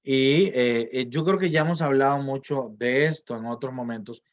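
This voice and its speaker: A man's voice: mid-range voice, normal speed, highs cut off. A man giving a recorded online class, hesitant, with many fillers and restarts and rhetorical questions. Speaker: lecturer.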